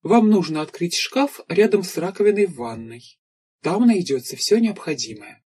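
A polite female spaceship computer that answers calmly and evenly, as a man reads her lines in an audiobook. The voice is husky and sits a little high. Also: moderate pace. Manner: calm, even and obliging.

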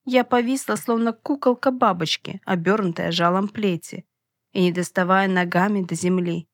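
A woman's voice: mid-range voice, normal speed, no room sound, studio quality. A woman reading a first-person fantasy audiobook, with dramatic, tense storytelling. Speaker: audiobook narrator.

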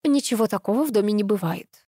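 A woman voicing a creaky, grumpy housekeeper. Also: medium pitch, animated, quick pace, warm tone, dry recording, studio quality. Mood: curt. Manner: scolding, blunt. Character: grumpy sharp-tongued female housekeeper. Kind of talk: audiobook reading.

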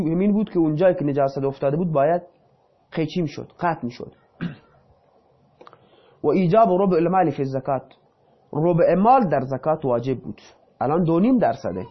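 A man's voice: a little high, dull audio. A man teaching a lesson who reads a passage aloud, then explains it in plain, casual speech. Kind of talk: reading and explaining a text.

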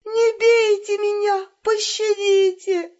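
A woman's voice: high-pitched, takes it slowly, warm tone, dull audio, pitched above the performer's own voice. A woman voicing a young woman who theatrically sobs and pleads for help, in an audiobook reading. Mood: fake sobbing pleas. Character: young woman playing a frightened damsel.

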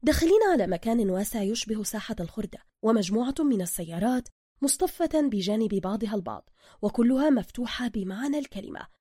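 Brief: woman storyteller, fast reading, a bit high, very dry close sound. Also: animated, dark tone, slightly rough, dry recording. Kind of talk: scripted story narration.

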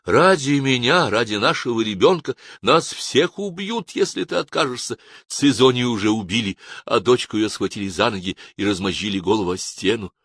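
A man's voice: mid-range voice, lively intonation, moderate pace, few pauses, fairly bright tone, no echo, clean studio sound. A man reading an audiobook voices a desperate young wife and mother who pleads urgently. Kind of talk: audiobook character voice.

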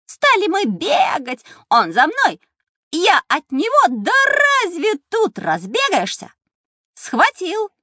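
A woman voicing an unknown small female creature who is chatty, boastful and cheeky, telling her tale with quick teasing energy in a radio play. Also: very high-pitched, no echo, studio quality, exaggerated voice. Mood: storytelling. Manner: quick, teasing, lively storytelling.

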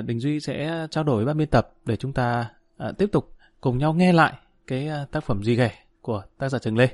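A man narrating an audiobook in a measured, steady storytelling voice, with hesitant fillers when he addresses listeners. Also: mid-range voice, dry recording.

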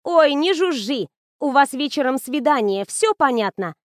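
Woman voicing a bubbly young female student, teasing, high bright voice, dry close sound, audiobook. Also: animated, normal speed, dry recording.

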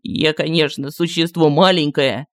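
A male narrator voicing a small, timid, excitable creature in an audiobook. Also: a little slow, dry recording. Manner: timid, then squeaky and giggling.

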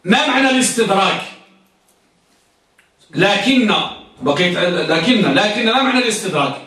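A man's voice: high-pitched, animated, normal speed, sharp tone, recorded from a distance. A man teaching a grammar class, quizzing his students and repeating each point until it sticks. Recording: echoey classroom recorded from afar.

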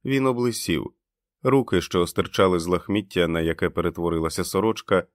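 A man narrating a novel as an audiobook in a measured, dramatic reading. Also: low voice, no echo, clean studio sound.

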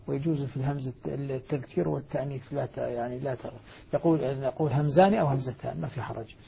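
A man's voice: mid-range voice, fast talker, vocal fry, mellow, slight background noise. A middle-aged man, a scholar explaining recitation rules, stressing quoted words emphatically. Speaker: Quranic recitation scholar teaching. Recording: muffled lo-fi audio.

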